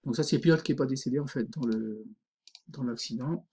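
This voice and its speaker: A man teaching a screen-recorded software tutorial, informal and thinking aloud, full of fillers. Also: mid-range voice, fairly quick, breathy edge.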